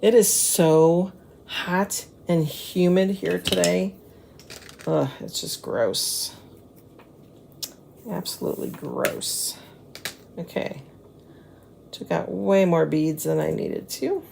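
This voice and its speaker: A lowish-voiced woman gives a casual craft tutorial with a very creaky tone. Her S sounds are slushy and slurred. She chats to viewers and mutters to herself as she works, with some noise behind her. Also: slow, warm tone. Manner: chatty, mutters to herself and to the materials while working.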